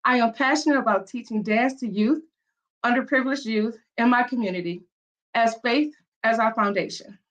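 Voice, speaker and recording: A woman from Mississippi with a Southern accent, giving an earnest, rehearsed business pitch over a video call. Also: normal speed, a bit bright. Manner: earnest, storytelling delivery. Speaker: entrepreneur pitching. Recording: dull lo-fi video call audio.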